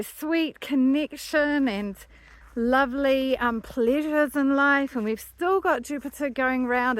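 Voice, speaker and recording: A woman's voice: high voice, dry recording. A New Zealand woman, an astrologer, chatting casually in a vlog outdoors in a mountain forest while she walks, musing and searching for words. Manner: talking while walking over rough ground.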